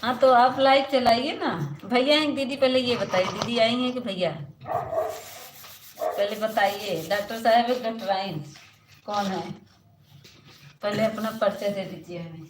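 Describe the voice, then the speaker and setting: A woman's voice: mid-range voice, unhurried, long pauses. A woman with an Awadhi accent hosting a casual live stream, chatting and teasing viewers. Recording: echoey room with loud background noise.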